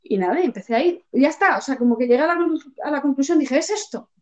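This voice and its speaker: A woman with a Spain Spanish accent in casual chat, telling a personal story with lively acted-out quotes and frequent swearing. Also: sits high, rapid-fire. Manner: lively storytelling, acting out her own quoted lines, swears freely. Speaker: podcast co-host. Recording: dull lo-fi sound.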